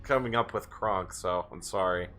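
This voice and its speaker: A man's voice: deep voice, normal speed, a bit bright, soft background music. A man chatting casually as co-player in a let's play of a video game.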